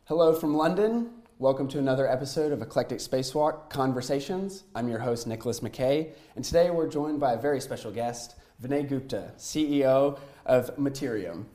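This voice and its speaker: A male podcast host with a mid-range, mellow voice. He opens with a scripted welcome, then asks easygoing questions. He keeps his guest going with short, encouraging affirmations. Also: mid-range voice, fairly quick, hardly any pauses, echoey room. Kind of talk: scripted show intro, then casual interview questions.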